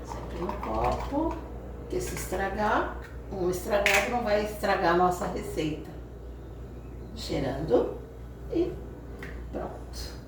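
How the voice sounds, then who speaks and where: A Brazilian woman hosts a cooking lesson in her home kitchen, speaking with a Brazilian Portuguese accent in a mid-range, sing-song voice that is slow and creaky with frequent pauses. She chats through each step and checks in with viewers often. The audio is echoey, captured from a distance, with a noisy background.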